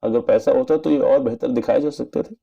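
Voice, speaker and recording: A man giving an earnest, measured spoken movie review in formal wording. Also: medium pitch, creaky, dull audio. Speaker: film reviewer.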